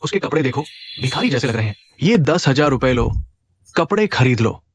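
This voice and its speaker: An actor playing an arrogant, sneering rich young heir in a dubbed drama. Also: male voice, medium pitch, big pitch swings, normal speed, breathy edge, no room sound, studio quality.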